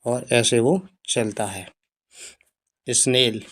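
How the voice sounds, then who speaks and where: A man with a Hindi accent gives a phonics lesson at a very slow pace. He spells each word out letter by letter and repeats it patiently with its meaning. His voice sits at an ordinary middle pitch. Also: fairly even intonation, fairly bright tone. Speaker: English teacher.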